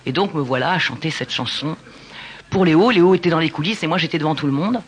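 A woman singer-songwriter telling stories in a casual radio interview, talking in an animated, halting way with many restarts. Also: deep voice, slightly rough.

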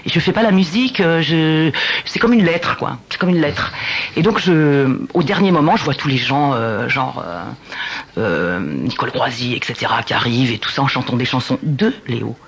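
A woman singer-songwriter telling stories in a casual radio interview, talking in an animated, halting way with many restarts. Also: very deep voice, breathy edge.

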